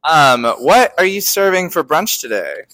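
A man's voice: a little high, big pitch swings, measured pace, pushed and bright. A man hosting a casual vlog, talking playfully as he introduces things and interviews drag performers. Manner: playful, echoes guests' answers. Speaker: podcast host and interviewer.

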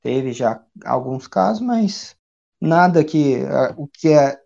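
A man from Brazil, chatting casually as a guest, with a relaxed, rambling way of telling stories. The recording sounds dull and lo-fi. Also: fairly high pitch, takes it slowly, gravelly. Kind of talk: casual chat.

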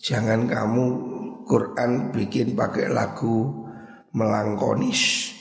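Slow, gravelly Javanese-accented preacher. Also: male voice, on the low side, level tone, reverberant, long reverb tail. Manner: slow, drawn-out teaching with Javanese asides and chanted Arabic phrases. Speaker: Islamic preacher teaching a classical text. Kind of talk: sermon-style religious lesson.

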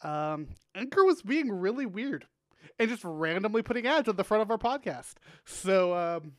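A man's voice: high voice, lively intonation, normal speed, dry recording. A man hosting a casual podcast, upbeat and rambling with plenty of fillers. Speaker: podcast host.

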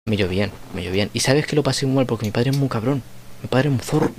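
A man's voice: mid-range voice, fast talker, vocal fry, a little hiss or hum. A young man, chatting casually as a podcast co-host and telling a long, rambling story full of fillers. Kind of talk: casual chat.

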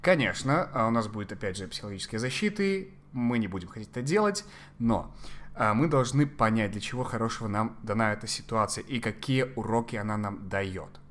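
A man giving conversational psychological advice as a podcast guest, sometimes halting to search for Russian words. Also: lowish voice, lively intonation, fairly bright tone.

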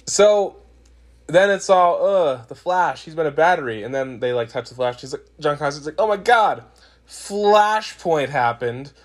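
Man, sarcastic, mocking recap, casual podcast chat, slightly higher voice. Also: animated. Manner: sarcastic, mocking recaps with quick put-on quotes. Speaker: podcast co-host.

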